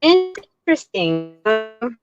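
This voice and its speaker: A woman's voice: a little high, sing-song. A woman calling in as a guest attorney, her phone breaking up into glitchy, robotic jumps as she halts on fillers. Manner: halting, stalls on fillers. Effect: breaking-up phone line, glitchy robotic jumps. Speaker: guest attorney on a call-in show. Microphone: phone call. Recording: muffled dry phone line with faint music.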